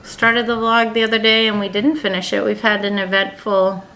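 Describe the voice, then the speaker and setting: A woman chatting casually on a family vlog, gentle and reassuring in how she talks. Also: mid-range voice, level tone, moderate pace, a little hiss or hum, rough recording. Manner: gentle, reassuring talk with a child. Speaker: vlogger, mother.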